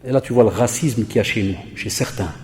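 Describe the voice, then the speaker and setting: A man's voice: fairly low pitch, quick pace, a little mellow. A man giving an anecdotal sermon as a religion teacher, acting out dialogues and dropping Arabic expressions. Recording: long hall reverb.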